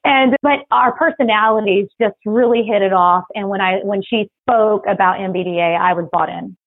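A woman from the Philippines, raised in Texas, talking quickly and chattily as an interview guest, laughing often. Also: medium pitch, dry recording, phone-quality sound. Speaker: guest, business services rep. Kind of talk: casual interview.

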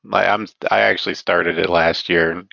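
A man's voice: deep voice, fairly even intonation, moderate pace, gravelly, bright, forceful tone, dry recording, lo-fi sound. A man in his forties chatting casually on a podcast, laughing and mocking himself. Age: 40s. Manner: laughing, self-mocking, quotes himself in put-on voices. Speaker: podcast co-host. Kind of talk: casual chat.

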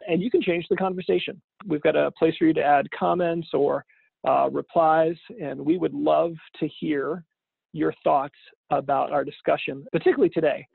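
Distant-sounding, phone-like gravelly male podcast host. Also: a little high, fairly even intonation, normal speed, no room sound. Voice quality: gravelly, husky. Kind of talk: casual scripted podcast introduction. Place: at home, remote from the studio. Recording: thin phone-like, distant-sounding home recording.

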